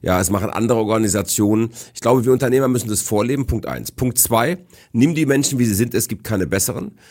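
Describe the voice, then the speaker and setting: Assertive husky middle-aged man. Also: mid-range voice, quick pace, a little mellow. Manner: assertive, declarative, lecturing. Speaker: guest, business speaker. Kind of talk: casual podcast conversation.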